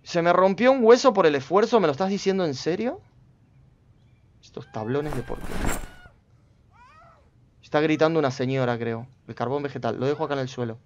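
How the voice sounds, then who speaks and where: A man giving casual gameplay commentary, chatting to himself and his viewers with sudden loud outbursts. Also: a little high, expressive, a little fast, pauses often, dull audio. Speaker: gameplay streamer.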